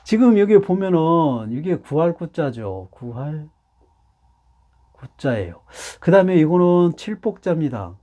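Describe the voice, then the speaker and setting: A man's voice: fairly high pitch, very animated, measured pace, dark tone, dull audio. A man giving a character lesson, explaining patiently and repeating himself often. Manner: explains patiently with many repetitions. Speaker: Hanja teacher. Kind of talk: lively lecture explaining Chinese characters.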